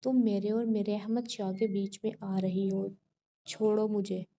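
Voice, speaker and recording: A woman's voice: mid-range voice, steady tone, warm tone, natural voice. A woman reading the part of a threatening, scheming young woman in an audio novel. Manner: threatening, spiteful.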